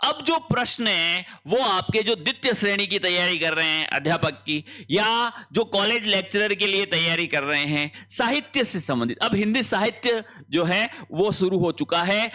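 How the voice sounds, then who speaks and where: Male tutor, high-pitched, walks students through answer options one by one. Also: expressive, unhurried, pushed and bright. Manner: explains each option step by step, checking in with students. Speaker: Hindi exam tutor. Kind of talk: exam answer-key lesson.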